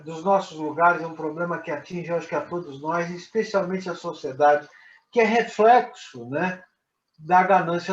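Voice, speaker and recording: A man speaking earnestly and emphatically in a group discussion, with a teasing edge. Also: fairly high pitch. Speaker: meeting participant. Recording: echoey room, muffled, faint noise.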